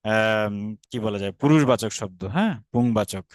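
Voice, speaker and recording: A man's voice: on the low side, normal speed, dry recording. A man with a Bangladeshi Bengali accent teaching an online class, patient, repeating drills and often checking that students follow. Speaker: Sanskrit teacher.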